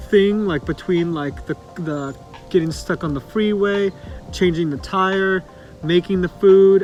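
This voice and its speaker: A man co-hosts a couple's vlog, chatting casually in informal, conversational language. His voice is fairly high with a darkish tone and cut-off highs, and music plays behind him.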